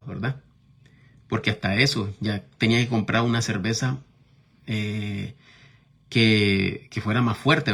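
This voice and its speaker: A middle-aged Nicaraguan man preaches a sermon and shares his personal testimony conversationally, constantly checking in with listeners through tag questions. His voice is fairly low, gravelly and husky, with a slightly bright edge.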